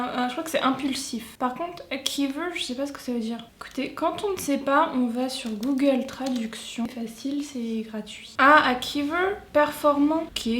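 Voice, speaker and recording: A woman's voice: high voice, roomy sound, slight background noise. A young French woman reacting to and translating a song, chatty and thinking aloud with hesitations. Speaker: music video reactor.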